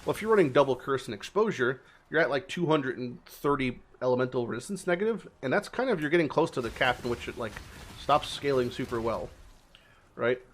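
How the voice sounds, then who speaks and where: A man's voice: medium pitch, lively intonation, brisk, a little hiss or hum. Male streamer, mid-range voice, off-the-cuff gameplay commentary, blunt swearing and emphatic repetition. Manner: informal, sweary, repeats words for emphasis. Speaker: game streamer.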